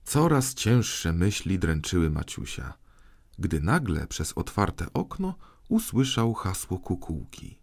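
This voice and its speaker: A man reading a children's audiobook in measured, storytelling narration. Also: low voice, sing-song, vocal fry. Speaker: audiobook reader. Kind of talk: scripted narration.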